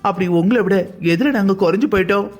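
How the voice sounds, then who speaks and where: A man's voice: high-pitched, fast talker, soft background music. A man voicing a protective young adult brother in a cartoon, speaking firmly and defensively. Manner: firm, defensive. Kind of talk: cartoon dubbing.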